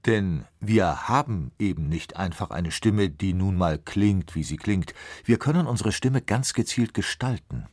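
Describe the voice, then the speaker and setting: Low-voiced male radio narrator. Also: animated, a little mellow, no echo, studio quality. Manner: smooth, measured scripted delivery.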